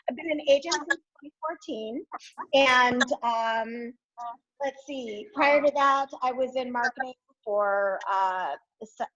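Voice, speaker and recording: A woman introducing herself to her new team over a video call. She talks hesitantly, with many ums, and laughs lightly. Her high voice comes through dull, lo-fi call audio. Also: pushed and bright. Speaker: real estate agent introducing herself.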